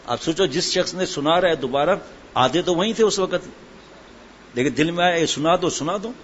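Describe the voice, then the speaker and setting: A man's voice: fairly high pitch, a bit bright. A middle-aged man giving a sermon and telling a humorous story, acting out the voices of the people in it. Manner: storytelling, acts out quoted voices. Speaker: Islamic preacher. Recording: dull lo-fi with faint hiss.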